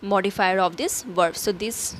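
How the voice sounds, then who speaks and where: In a recorded grammar lesson, a woman teacher works through the material step by step, posing questions and answering them herself, with fillers and self-corrections. Her voice is mid-range at a normal speed, and there's a little hiss or hum.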